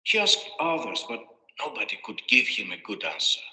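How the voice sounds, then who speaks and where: Huge pitch swings mark this man's mid-range voice as he dramatically narrates a scripted fairy tale at normal speed, bright and pushed like a storybook reader. The recording is reverberant playback with background music.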